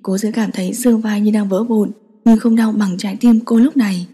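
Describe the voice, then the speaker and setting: A woman narrating an audiobook romance in a steady storytelling manner. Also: medium pitch, brisk, breathy edge. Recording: long hall reverb.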